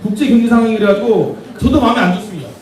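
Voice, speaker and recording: A man's voice: extremely high pitch, animated, rapid-fire, darkish tone, slight background noise, pitched above the performer's own voice. A man voicing a company boss who politely and regretfully excuses himself. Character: apologetic company boss blaming the economy. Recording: echoey room from far off.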